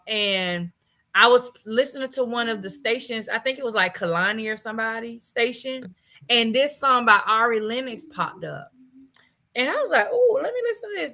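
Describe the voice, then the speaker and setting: A woman hosting a casual talk show, chatting in an animated way and laughing often. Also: a little high, rough recording. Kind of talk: casual chat.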